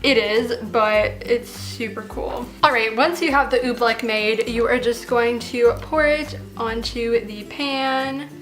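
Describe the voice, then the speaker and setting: A woman in her late teens speaks in a fairly high voice, with the slight lisp of someone wearing braces. She talks casually and chattily, like a host guiding viewers through a homemade craft. Music plays behind her. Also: steady tone, takes it slowly, few pauses, fairly bright tone. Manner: talking with braces, slightly lisping. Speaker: host of a slime craft channel. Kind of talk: casual chatty DIY tutorial.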